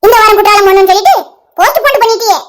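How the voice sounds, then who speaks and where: Cartoon old granny, woman doing the voice, Tirunelveli Tamil accent, very high squeaky voice, quick talk, teasing, stubborn. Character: cheeky old village grandmother who pesters the young.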